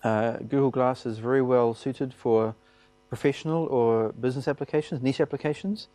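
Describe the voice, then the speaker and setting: A male lecturer with a mellow voice gives a talk, pausing often and restarting his sentences. The sound is dry and close, as if through a lapel mic. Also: medium pitch, fairly even intonation, no room sound. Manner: hesitant, lots of ums and restarts. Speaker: university lecturer.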